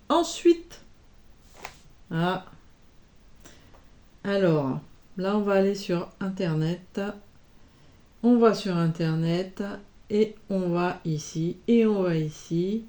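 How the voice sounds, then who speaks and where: A woman vlogger talks through her embroidery projects in an easygoing show-and-tell chat. She speaks slowly, with a soft, mellow tone, and keeps tossing in small interjections as she goes. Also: medium pitch. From France. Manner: chatty, punctuated with little interjections.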